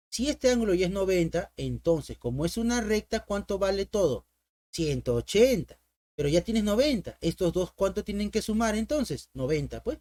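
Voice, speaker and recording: A man's voice: high voice, no room sound. A man teaching an online math lesson in a playful, coaxing way. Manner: playful, coaxing, talks to viewers and imagined students.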